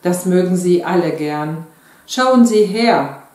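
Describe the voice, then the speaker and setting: A woman's voice: lowish voice, animated, slow, a little mellow. A woman voicing an eager, chatty middle-aged wife sewing doll dresses, read in a very echoey room.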